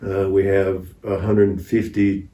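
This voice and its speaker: A man's low, mellow voice moves slowly with flat delivery as he shares mission stories folksily as an interview guest. It's captured by a distant mic in an echoey space.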